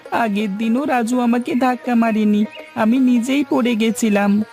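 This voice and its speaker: A woman's voice: a little high, normal speed, a little mellow, soft background music, close to an everyday voice. A woman voicing a rich family's young son who speaks in an earnest, childlike way. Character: rich man's young son, spoiled but kind.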